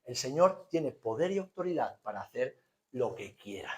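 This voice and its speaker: A man's voice: medium pitch, sing-song, normal speed. A man with an accent from Spain preaching a conversational sermon as a pastor, using rhetorical questions, emphatic repetition and colloquial humour. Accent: Spanish from Spain.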